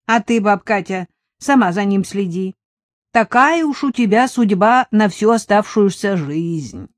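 Brash village shopkeeper woman, bossy and loud, read by a woman narrator, dry close audiobook sound. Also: medium pitch, expressive, measured pace, no echo, voice pushed up, close to an everyday voice. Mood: indignant. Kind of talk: audiobook character voice.

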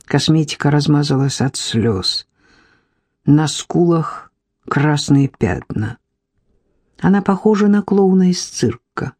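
Female audiobook narrator; low, husky, lively intonation, unhurried. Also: no room sound, clean studio sound. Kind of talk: scripted narration.

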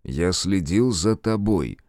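A man voicing a restrained, dry-witted man who answers slowly and calmly in a low voice. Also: no echo. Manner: low, slow, unruffled.

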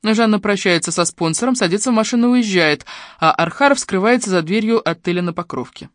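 A man's voice: high-pitched, fast talker, no echo, studio quality. Man narrating a detective audiobook. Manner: steady expressive reading.

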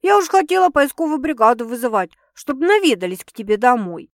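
A woman putting on a loud, high, teasing big sister for a storybook read-aloud. She mocks and scolds in a blunt, quick way, voice pitched well up and sharp. Dry, close recording. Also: big pitch swings, dry recording. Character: brash teasing young woman, older sister.

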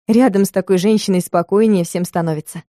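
A woman narrating a first-person audiobook in a lively storytelling manner. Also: medium pitch, brisk, no echo, studio quality.

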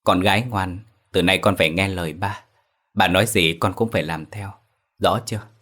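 A menacing stepfather from a horror audiobook, read by a man, low-voiced and contemptuous. He speaks in a bullying, threatening tone. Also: fairly even intonation, moderate pace, fairly bright tone. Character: abusive brutish middle-aged stepfather, bullying.

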